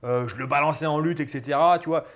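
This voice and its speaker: Guesting in a casual interview, a forty-something ex-fighter who now acts and does stunts talks fast in a voice on the high side. He is animated and gestures plenty, recorded on a lapel mic in a small studio lounge.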